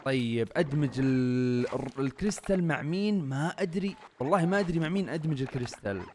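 A young man giving excited, chatty gameplay commentary straight to his viewers. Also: a little high, fast talker. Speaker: gaming YouTuber.

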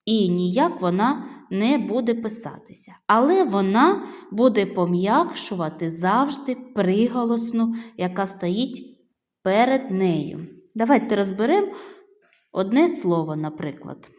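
In an echoey room with long reverb, a middle-aged primary school teacher gives young children a phonics lesson, drawing out every word patiently. Her mid-range voice is expressive and unhurried, with a darkish tone.

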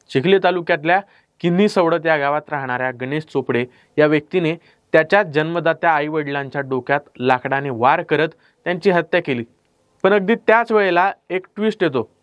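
Male crime-news narrator, Marathi accent, dramatic delivery, raised pitch, smooth resonant voice, dry close mic. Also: no echo, lo-fi sound. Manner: dramatic storytelling delivery with rhetorical questions. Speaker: news presenter. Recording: clean dry studio voice-over.

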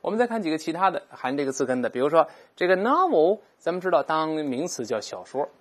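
A teacher explains vocabulary patiently, with a slightly husky voice. The pitch moves a lot. Each English word is repeated slowly and clearly for the learners. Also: big pitch swings. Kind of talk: recorded vocabulary lesson.

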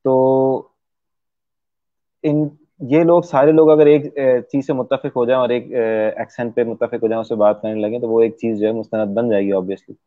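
A man from Pakistan, a guest in an interview, explaining things at length and pausing often on drawn-out fillers. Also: mid-range voice, flat delivery, no echo. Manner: hesitant, many drawn-out fillers. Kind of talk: explanatory conversation. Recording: dry, tinny phone-like sound.

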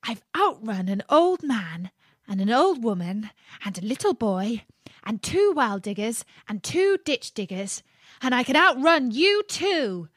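A cocky little gingerbread man crows his boasts in a high, bouncing singsong, as a woman storyteller puts him on. He sounds pleased with himself and keeps getting louder, like a storybook runaway. The sound is close and dry. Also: sing-song, measured pace, dry recording, exaggerated voice. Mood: boastful. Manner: bragging, shouted singsong.

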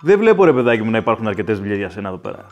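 A man's voice: fairly low pitch, sing-song, a little mellow, dull audio, faint music behind. A man playing a slick, patronizing employer in a comedy sketch, falsely friendly while offering a terrible job. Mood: smug. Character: slick, exploitative male employer, smugly cheerful.

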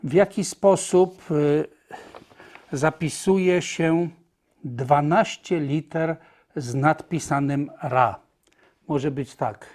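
Man, language teacher, slow and patient, slightly high voice, repeats points. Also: darkish tone. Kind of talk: slow explanatory lesson.

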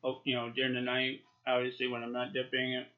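He talks fast and in a monotone, his pitch medium, while giving a chatty on-camera review with a mouthful of dip. The man, in his forties, reviews products for YouTube from a small indoor home office, and his webcam captures dull, lo-fi sound.

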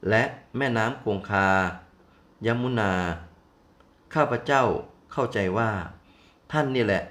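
An older man voicing a gentle, devoted female elephant who speaks sweetly and soothingly. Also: medium pitch, slow, pitched above the performer's own voice.

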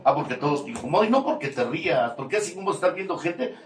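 Fast-talking and very animated, an older man with a Mexican Spanish accent pitches his voice on the high side. He offers a recovery group profane, crude testimony, mocking and confrontational, laughing at his own jabs between constant curses. Sound is echoey, picked up by a far-off mic, with faint noise.

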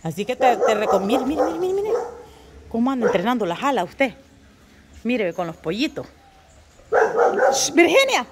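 Brief: woman vlogger, chatty and motherly with viewers, loud and sharp with her pets, lively high voice. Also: normal speed, very noisy. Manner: chatty, calls viewers "mamita", shouts and scolds pets. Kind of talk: casual chat to viewers while tending animals. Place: outdoor yard with chickens, dogs and a cat.

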